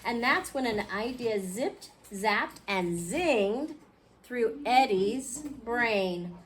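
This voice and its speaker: A woman reading a picture book aloud to a class, expressively, pausing to question her young listeners. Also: fairly high pitch, expressive. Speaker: children's storybook reader. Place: indoor school classroom. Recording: clearly noisy classroom recording.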